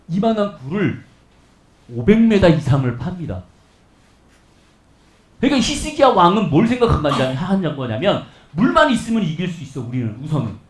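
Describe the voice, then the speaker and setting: A male pastor tells a story from the pulpit in a conversational way and keeps turning to the congregation with rhetorical questions. His voice sits high and rises and falls in lively swings. The sound is roomy, like a church sanctuary. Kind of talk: sermon.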